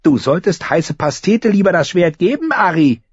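Storybook role: man doing a goading, mocking boy, pitched very high, husky. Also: sing-song, normal speed, no echo, full character voice. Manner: mocking, egging on. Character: mocking, sneering orphan boy. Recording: slightly muffled recording.

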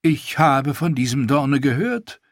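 A man's voice: medium pitch, lively intonation, a little slow, no room sound, studio quality, pitched above the performer's own voice. A man reading an audiobook, voicing a court steward with an affected, fawning way of talking. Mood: disdainful.

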